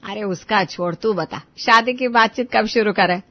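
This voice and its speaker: A woman's voice: medium pitch, normal speed, muffled recording, natural voice. Woman voicing a coaxing middle-aged mother. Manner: coaxing, gently probing.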